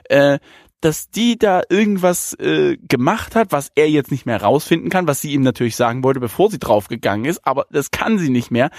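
A man's voice: on the high side, no echo, clean studio sound. A man co-hosting a casual anime discussion on a live stream, speculating at length in a rambling way.

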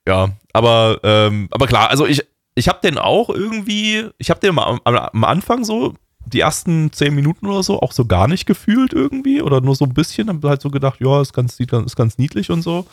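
A man's voice: on the high side, big pitch swings, fairly quick, no room sound, studio quality. A man co-hosting a podcast in casual chat, rambling with many fillers and restarts. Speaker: podcast co-host.

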